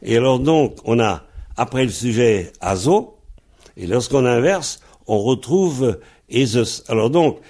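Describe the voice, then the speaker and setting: A man leads a grammar lesson at an unhurried, deliberate pace, his voice gravelly and husky. He talks in halting steps full of fillers and stops to spell words out letter by letter. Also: mid-range voice, expressive, a little mellow. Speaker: Breton language teacher. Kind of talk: slow explanatory grammar lesson.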